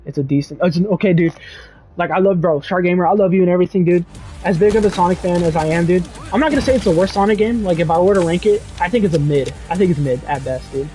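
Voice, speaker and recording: A young man streaming casually, reading chat and rambling excitably with lots of "dude" and "bro". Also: sits high, quick pace, breathy edge, faint music behind.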